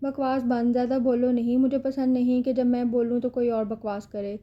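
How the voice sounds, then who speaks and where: A woman's voice: fairly high pitch, fairly even intonation, dull audio, close to an everyday voice. A woman reading the part of a cruel, vengeful young man who has kidnapped a girl, speaking in a threatening, mocking way. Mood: menacing. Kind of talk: audiobook character reading.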